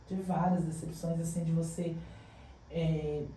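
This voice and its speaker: A woman's voice: low voice, unhurried, a little hiss or hum. A woman, a school director telling stories in a casual podcast chat and acting out the dialogue. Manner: animated, acts out dialogue in her stories. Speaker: guest, public school director. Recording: echoey room, distant mic.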